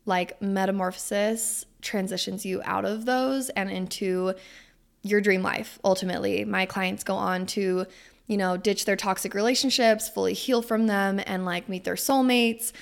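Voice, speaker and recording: Young woman, heavy vocal fry, mid-range pitch, enthusiastic podcast host, rambling casual promo talk. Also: steady tone, moderate pace. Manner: gushing, enthusiastic; rambling, digressive, casual swearing.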